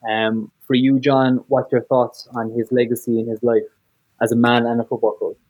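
A man's voice: mid-range voice, little pitch movement, normal speed, darkish tone, poor audio. A man hosting a football podcast panel, introducing guests in a somewhat hesitant way. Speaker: show host.

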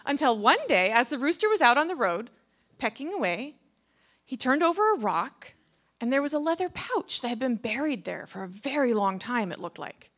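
A woman telling a children's story to a congregation, animated and inviting listeners to join in. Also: sits high, normal speed.

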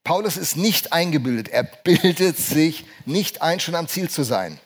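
A man's voice: fairly high pitch, animated, unhurried, husky. A man in his fifties, a pastor preaching a sermon with emphasis and often putting questions to the congregation.

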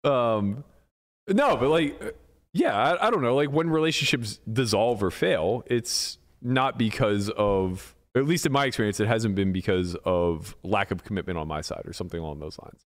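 A man in a loose podcast conversation, talking frankly and working through his thoughts out loud. His pitch rises and falls a lot, and he trails off into fillers before picking the thread back up. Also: expressive, moderate pace. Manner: candid, rambling, trails off with fillers. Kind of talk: casual chat.

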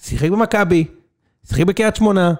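Man co-host, high-pitched, animated, jokey, rambling sports banter. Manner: animated, joking, laughs often. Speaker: podcast co-host.

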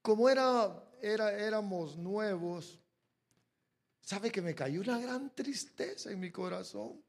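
A man preaching a sermon who swings from quiet asides to shouted peaks and acts out quoted voices. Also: sits high, lively intonation, takes it slowly, vocal fry. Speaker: pastor.

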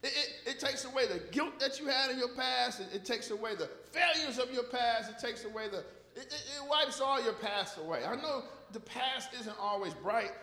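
American guy preaching casually, repeats himself, bright forceful voice, big echoey hall. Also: very high voice, moderate pace, few pauses. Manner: animated, repeats phrases for emphasis. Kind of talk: informal, conversational sermon with call and response. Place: large echoey room, preaching to a congregation. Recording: echoey hall with long reverb.

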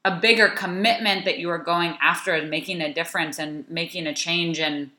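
A woman's voice: on the low side, fairly even intonation, a little fast, pushed and bright. A woman around thirty hosting a podcast, affirming and enthusiastic in casual conversation. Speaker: podcast host. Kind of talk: casual interview chat. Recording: roomy echo.

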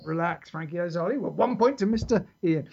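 A man's voice: sits high, animated, fast talker, gravelly, darkish tone, slight background noise. A man co-hosting a casual podcast chat, jokey and rambling. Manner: jokey, rambling, reads lyrics aloud with laughs. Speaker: podcast co-host. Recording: dull lo-fi podcast audio.

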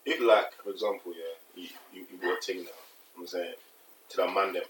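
A man's voice: low-pitched, steady tone, brisk, fairly bright tone, recorded from a distance. A young man with a multicultural London accent, chatting casually in slang with his friends. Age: young adult. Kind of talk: casual group banter. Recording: echoey room, off-mic, noisy.

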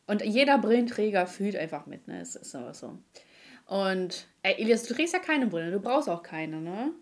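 A woman hosting a podcast, telling a story in a lively, slangy way with frequent laughter. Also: medium pitch. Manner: animated, slangy, laughs often. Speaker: podcast host. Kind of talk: casual storytelling chat.

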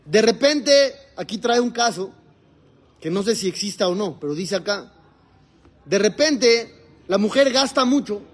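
A rabbi teaching a religious class to a live group speaks in a high-pitched, expressive voice at a measured pace. He asks his students questions and answers them himself, explaining the Hebrew texts he quotes.

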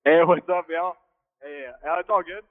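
A man's voice: a little high, fairly even intonation, moderate pace. Man calling in over a tinny phone line. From Kansas. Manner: rambling, many fillers. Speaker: caller. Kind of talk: casual storytelling.

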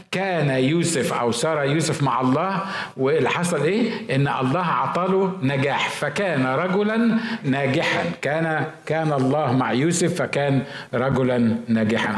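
A man with an Egyptian Arabic accent preaching a sermon as pastor, animated and acting out the voices of fearful people. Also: a little high, a little fast. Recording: echoey hall.

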